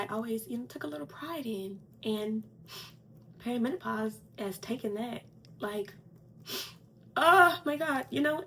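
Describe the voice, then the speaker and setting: A beauty vlogger in her forties speaks openly to her viewers as she does her makeup, holding back tears in an emotional get-ready-with-me video. Her voice sits on the high side, with a little background noise.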